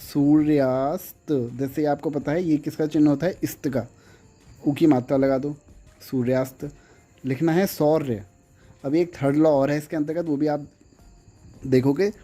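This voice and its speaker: A male stenography teacher giving a lesson, drawing words out slowly as he writes and asking his viewers questions that he then answers himself. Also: a little high, mellow. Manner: slow, drawn-out repetition of words while writing. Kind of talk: classroom-style lesson.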